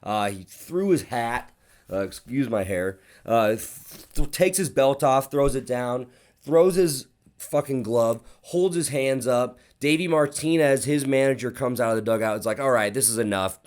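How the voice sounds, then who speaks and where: A man hosting a sports podcast, telling stories in a casual, rambling way with plenty of swearing. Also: medium pitch. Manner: profane, rambling, animated storytelling. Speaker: podcast host.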